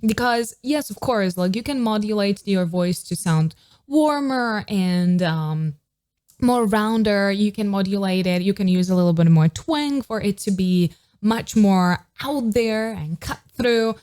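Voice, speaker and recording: A woman's voice: mid-range voice, animated, a little slow, a little mellow. A woman vocal coach giving an enthusiastic, casual reaction to a pop song, now and then singing short riffs to show a technique. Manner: enthusiastic, demonstrates sung riffs.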